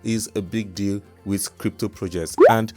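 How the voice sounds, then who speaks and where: Male YouTube host, crypto bro pitch, lowish voice, promotional review delivery over background music. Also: steady tone, unhurried, darkish tone. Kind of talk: scripted-style vlog narration, promotional review.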